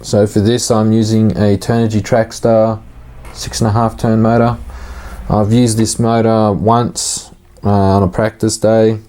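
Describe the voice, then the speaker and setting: A man giving a casual, hands-on tutorial, informal and halting as he thinks aloud while working. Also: on the low side, flat delivery, warm tone. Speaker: hobbyist host of an RC car build series.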